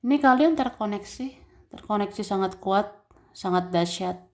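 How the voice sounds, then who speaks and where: A woman's voice: mid-range voice, normal speed. Chatty woman giving a tarot reading. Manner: relaxed, chatty, with fillers and soft laughs. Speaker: tarot reader. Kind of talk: general tarot reading to the viewer.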